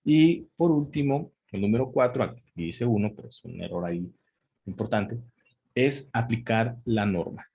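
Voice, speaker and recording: A man's voice: mid-range voice, normal speed, vocal fry, mellow, husky, muffled recording. A man teaching a spelling lesson, talking it through with fillers and checks like "¿sale?". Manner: hesitant, many fillers and restarts, checks in with "¿sale?". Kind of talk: spelling lesson, spontaneous explanation.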